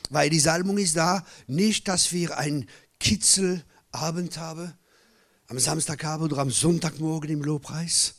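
A middle-aged man preaching a sermon as a pastor, hammering home repeated phrases and swinging between loud bursts and low, hushed asides. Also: moderate pace. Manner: repeats key phrases for emphasis.

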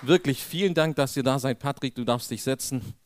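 Animated German-speaking preacher man. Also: mid-range voice, brisk, a faint crowd, a little hiss or hum. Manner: animated storytelling, acts out dialogue, addresses congregation directly. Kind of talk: lively sermon with personal stories. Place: church hall.

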